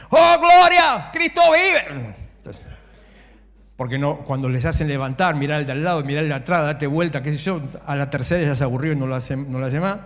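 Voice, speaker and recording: A man with a Rioplatense Spanish accent preaching a sermon as a pastor, animated and humorous, mimicking the shouts of worshippers. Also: mid-range voice. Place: church sanctuary. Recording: echoey church hall.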